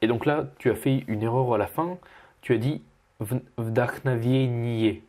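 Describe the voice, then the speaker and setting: Husky man teaching pronunciation. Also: mid-range voice, a little mellow. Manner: patient, corrective, models words slowly and repeats them. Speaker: Russian language teacher. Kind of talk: correcting a student's pronunciation.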